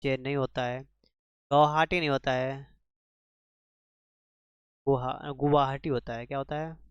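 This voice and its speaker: A man's voice: medium pitch, steady tone, unhurried, clean tone, dry recording, muffled recording. A man teaching a spelling lesson for exam preparation, quizzing the class with rhetorical questions and repeating each answer. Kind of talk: exam-prep grammar lesson.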